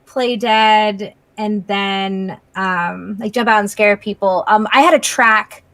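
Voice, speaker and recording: A woman's voice: medium pitch, takes it slowly, fairly bright tone, dry recording. A young woman guest in a casual chat, hesitant and full of ums, laughing easily.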